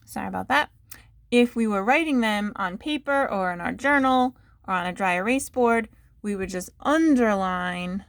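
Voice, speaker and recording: Slow, patient woman teaching phonics. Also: fairly high pitch, fairly bright tone, dry recording, clean studio sound. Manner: sounds out word parts slowly and clearly; patient, asks the listener questions. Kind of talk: phonics lesson for young children.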